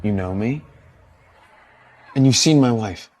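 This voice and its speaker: An actor playing an anguished husband searching for his missing wife, shouting and pleading in a short drama. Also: lowish voice, expressive, slow pace. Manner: shouting desperately, bitter.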